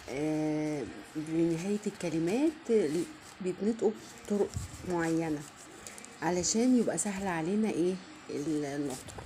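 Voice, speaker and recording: A woman with an Egyptian Arabic accent teaching a French pronunciation lesson, explaining patiently and repeating each word slowly. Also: fairly low pitch, dark tone, a little hiss or hum. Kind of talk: online language lesson.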